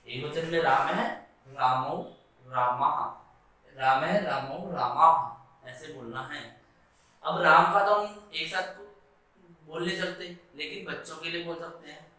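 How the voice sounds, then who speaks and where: At a classroom blackboard, a man with a slightly high, sharp voice patiently teaches schoolchildren, posing questions and answering them himself. He stretches out every stressed word, especially Sanskrit terms, and he sounds distant in the echoey room.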